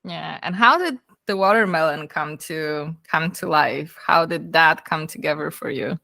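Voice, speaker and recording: A woman's voice: low voice, measured pace, creaky, pushed and bright, no echo. A woman hosting an interview podcast, who introduces her guest and asks questions in an upbeat, chatty way. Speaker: podcast host.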